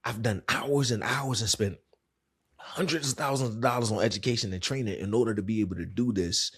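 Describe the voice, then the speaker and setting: Deep husky man with a DC accent. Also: fairly quick, a bit bright. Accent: Washington DC. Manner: candid, conversational, colloquial. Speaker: podcast host and licensed therapist. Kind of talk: casual monologue.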